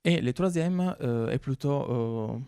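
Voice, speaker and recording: Italian-accented male researcher, gravelly voice, hesitant, many fillers, dry close sound. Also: mid-range voice, slow pace, warm tone, dry recording. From Italy. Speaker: researcher presenting. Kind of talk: conference presentation.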